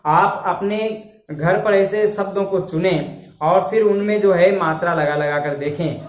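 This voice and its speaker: Male teacher, patient step-by-step explainer, recorded from a distance in an echoey room with faint hiss. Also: high-pitched. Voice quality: explains step by step, often asks if it's understood. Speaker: Hindi teacher. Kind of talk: classroom-style lesson.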